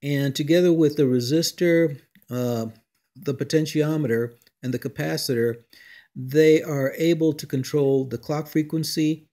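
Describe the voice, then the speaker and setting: A man with a somewhat high, warm voice runs an unscripted electronics demo as a hobbyist. He explains slowly and haltingly, choosing his words with care.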